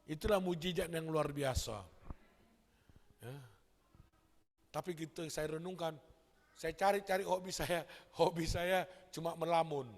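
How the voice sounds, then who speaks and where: A male pastor preaching a lively Sunday sermon, acting out quoted voices and calling the congregation brothers and sisters. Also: fairly high pitch, unhurried, long pauses. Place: large church hall. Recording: long church hall reverb.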